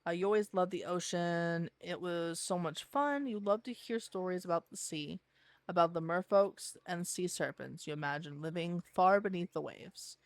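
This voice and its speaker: A woman streamer reading a visual novel aloud and thinking out loud between lines in a chatty way. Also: fairly low pitch, moderate pace, no echo.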